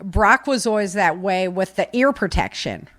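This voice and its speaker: A podcast host speaks to live listeners in a casual, rambling way, full of fillers. Her voice is medium-pitched, a bit bright and lively in intonation, at normal speed. The audio has no room sound and comes from a webcam stream setup placed back from the keyboard.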